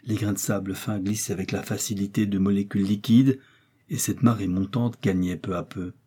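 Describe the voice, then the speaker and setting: Low husky male audiobook narrator. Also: brisk. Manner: dramatic steady storytelling. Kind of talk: scripted narration.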